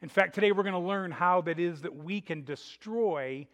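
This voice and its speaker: A man's voice: high voice, normal speed, fairly bright tone. A man preaching a sermon as pastor, chatty and joking at times, earnest when preaching. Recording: reverberant hall.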